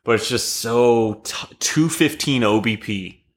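A man's voice: mid-range voice, takes it slowly. A man co-hosting a podcast in casual sports chat, blunt and emphatic, swearing freely. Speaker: podcast co-host.

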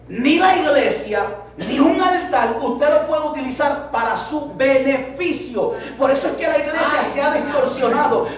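A male pastor preaching a sermon, telling a story with laughs and asides to the congregation. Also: very high-pitched. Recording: echoey church hall, distant mic.

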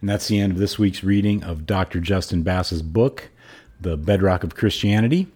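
Hoarse, deep-voiced man reading aloud. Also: moderate pace, darkish tone. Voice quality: hoarse, froggy. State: hoarse throat. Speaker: podcast host reading a book aloud. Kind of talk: audiobook-style reading and podcast sign-off.

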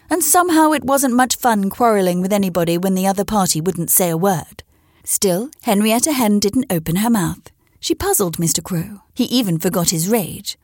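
A woman hosting a story podcast, narrating old tales in an expressive storytelling manner. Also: medium pitch, dry recording, clean studio sound.

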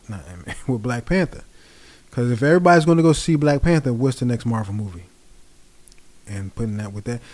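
Male vlogger with a warm, mellow voice and relaxed, rambling delivery. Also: medium pitch. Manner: rambling, relaxed, many fillers. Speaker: pop culture vlogger. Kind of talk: casual commentary.

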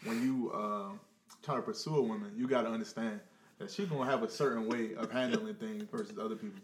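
A man's voice: lowish voice, quick pace. A young adult man co-hosting a casual podcast chat, blunt and joking. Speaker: podcast co-host. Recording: echoey room with faint noise.

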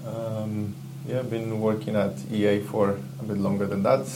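Low-voiced man. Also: normal speed. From Ecuador. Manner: enthusiastic, reflective, searching for words. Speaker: guest, game UI/UX artist. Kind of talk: casual interview chat. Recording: steady background hum.

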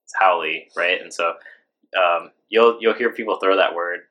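A man from Hawaii being interviewed, talking in a relaxed, rambling way with lots of fillers. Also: low-pitched, normal speed, rough recording. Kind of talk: casual interview conversation.

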